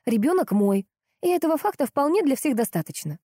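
A woman's voice: sits high, very animated, a little fast, warm tone, dry recording, clean studio sound, pitched above the performer's own voice. A woman voicing an irritable, sarcastic young woman. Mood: irritated. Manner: grumbling, sarcastic.

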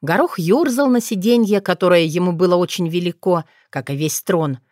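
A woman reads a fairy-tale audiobook in a lowish, even voice. The recording is close and dry, with no room sound. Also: moderate pace, no room sound. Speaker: narrator. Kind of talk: audiobook narration.

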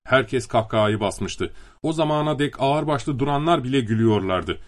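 Male audiobook narrator, measured and steady, plain reading voice. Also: medium pitch.

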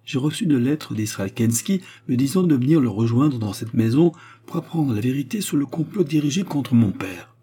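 A man's voice: medium pitch, lively intonation, normal speed, hardly any pauses, dark tone, breathy edge, pitched above the performer's own voice. A man reading an audiobook voices a proud, defiant young grand-duchess who talks in haughty, indignant outbursts.

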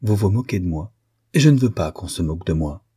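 A man's voice: deep voice, expressive, brisk, mellow, slightly rough, heavily acted. Man playing a hot-tempered young musician. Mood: brusque. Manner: brusque, angry. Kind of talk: audiobook character voice.

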